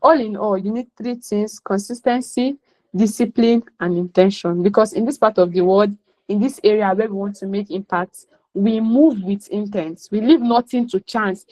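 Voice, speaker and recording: A woman's voice: mid-range voice, normal speed, a little mellow, poor audio. A woman with a Nigerian accent gives an emphatic motivational class talk as a career coach, slipping in Pidgin phrases.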